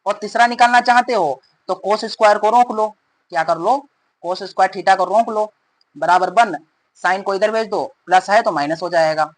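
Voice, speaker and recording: A male math teacher explaining formulas in a rapid, repetitive way and calling his students "beta". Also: high voice, low-quality recording. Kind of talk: fast classroom explanation.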